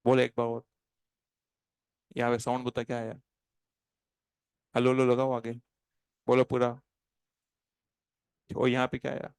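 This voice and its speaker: A man lectures on chemistry to a classroom of students, animated and playful. He slows to a crawl when he dictates notes. His voice is smooth and clear, recorded dry and close with little room sound. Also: medium pitch, dry recording. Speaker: chemistry teacher.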